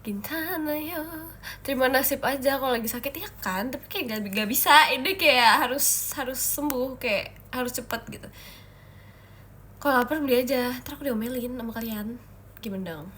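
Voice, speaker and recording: Young woman, bright high voice, sick with a cough, playful livestream chatter, phone mic. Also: normal speed, slight background noise. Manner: playful, giggly, teasing, reads out viewer comments. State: sick with a cough and a stuffy nose. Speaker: idol livestream host. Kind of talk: casual livestream chat with viewers.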